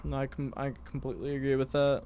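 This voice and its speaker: A man's voice: mid-range voice, little pitch movement, fast, warm tone, a little hiss or hum. A man co-hosting a gaming podcast, chatting casually and agreeably. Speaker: podcast co-host.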